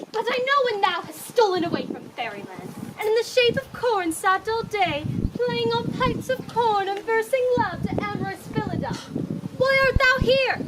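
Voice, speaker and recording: A woman's voice: very high voice, background noise. A woman playing a proud, jealous fairy queen in hammy, declamatory Shakespearean stage style. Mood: scornful. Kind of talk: theatrical Shakespeare stage performance.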